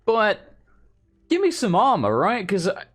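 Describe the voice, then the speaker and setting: Lively, sarcastic gamer commentary. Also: medium pitch, measured pace. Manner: sarcastic, wisecracking, sweary. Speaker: let's player. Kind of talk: casual gameplay commentary.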